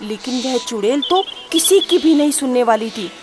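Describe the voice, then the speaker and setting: A woman's voice: sits high, lively intonation, moderate pace, a little mellow. A woman narrating a scripted story in a dramatic, suspenseful manner, over background music.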